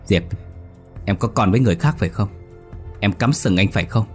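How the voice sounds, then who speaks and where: A man's voice: on the low side, fairly quick, soft background music, close to an everyday voice. A man playing a furious, betrayed husband. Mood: shocked, accusing. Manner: accusing, shouting in anger.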